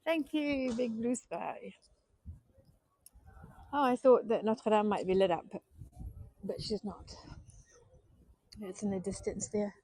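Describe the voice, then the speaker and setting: A woman with a New Zealand accent speaks slowly, with long pauses, to viewers of her live stream as she walks city streets outdoors at night; she sounds subdued and disappointed in this casual chat. Her medium-pitched voice is mellow, recorded with no room sound in low quality.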